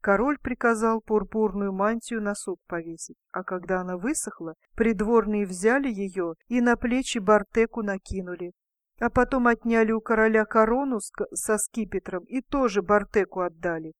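A woman tells a fairy tale in an expressive reading voice of ordinary pitch. The recording is dry, with no room sound. She leans hard into the characters. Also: moderate pace, no room sound. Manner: expressive, shouts the king's lines. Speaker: storyteller.

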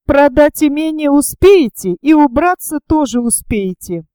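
Blunt scheming young man in an audiobook, curt and rough, read by a woman, mellow and dry. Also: high voice, expressive, unhurried, no room sound, pitched above the performer's own voice.

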